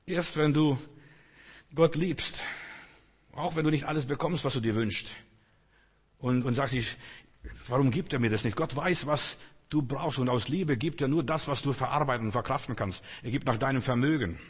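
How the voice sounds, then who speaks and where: A man's voice: medium pitch, moderate pace, breathy edge. A man preaching a sermon, earnest and coaxing, speaking directly to his listeners. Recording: long hall reverb.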